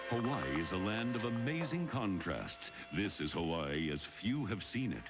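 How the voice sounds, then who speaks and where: A male announcer with a low voice delivers a scripted infomercial pitch. His intonation swings widely as he sells, and prominent music plays beneath him. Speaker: commercial announcer. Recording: loud music under the voice. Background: loud music.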